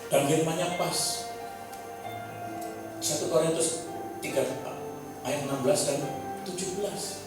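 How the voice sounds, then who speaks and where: A man gives an emotional personal testimony in a fervent voice that swings between loud and hushed. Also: a little high, steady tone, measured pace, pauses often. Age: 40s. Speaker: church testimony speaker. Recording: echoey hall, distant mic, music behind.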